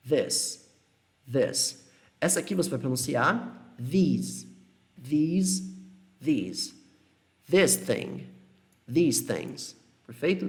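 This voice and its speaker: A young man with a Brazilian Portuguese accent teaching English live, answering viewers and slowing down to model each phrase. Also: medium pitch. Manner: patient, explanatory, slows to model English phrases.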